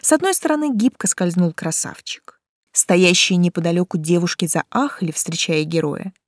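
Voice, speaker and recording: A woman's voice: fairly low pitch, normal speed, no echo, studio quality. Wry woman narrating a novel. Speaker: audiobook reader. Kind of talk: first-person novel narration.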